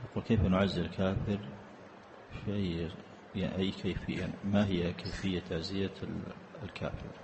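A man giving a religious lesson in a large mosque, reading out questions and then explaining each one deliberately. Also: deep voice, flat delivery, background noise. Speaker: mosque teacher answering questions.

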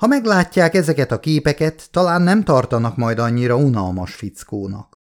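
A man's voice: medium pitch, voice pushed up, lightly acted. A man voicing a nervous, awkward middle-aged male chemical engineer and father in an audiobook, with eager, fretful questions. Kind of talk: audiobook character voice.

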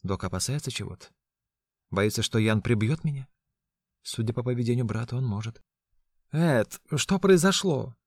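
A man narrating a story in a hushed, tense reading style. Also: mid-range voice, brisk, long pauses, no echo. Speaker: audiobook narrator. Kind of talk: scripted narration.

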